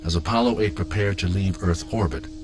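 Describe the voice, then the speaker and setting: Very deep male documentary narrator. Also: fairly quick. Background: prominent music.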